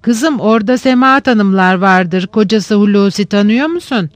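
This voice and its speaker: A man's voice: sits high, moderate pace, no room sound, close to an everyday voice. A frail, deaf old aunt, as a male narrator puts her on, with a thin, reedy, raised voice. She asks friendly questions in a close, dry storybook reading. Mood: curious.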